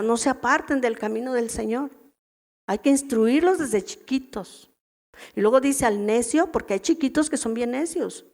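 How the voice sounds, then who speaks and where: A middle-aged woman with a Mexican accent teaches at a church women's meeting, her voice sitting somewhat high. She talks in a loose, conversational way, full of family anecdotes. She keeps checking in with her listeners through quick tag questions. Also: a little mellow. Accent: Mexican Spanish. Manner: chatty, anecdotal, constant tag questions to the audience.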